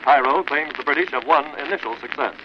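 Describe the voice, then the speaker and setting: A man's voice: on the high side, fast talker. An American man reading a formal, declamatory 1940s radio newscast in an old newsreel manner. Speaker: radio news announcer. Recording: noisy, muffled 1940s radio broadcast. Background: loud radio noise.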